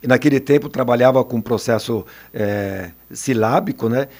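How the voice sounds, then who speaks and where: An older man, a former teacher telling stories in a relaxed interview and often ending phrases with a tag question. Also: medium pitch, moderate pace. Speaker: retired teacher and education adviser. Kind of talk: casual interview storytelling.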